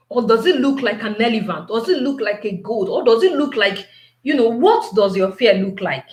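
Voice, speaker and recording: A woman giving a motivational talk, slow and repetitive, asking her listeners many questions. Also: a little high, echoey room.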